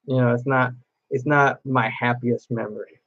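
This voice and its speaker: A man's voice: medium pitch, little pitch movement, moderate pace, a bit bright, dull audio. A man chatting to camera as a cosplay vlogger, telling a long personal story in a rambling way with many restarts.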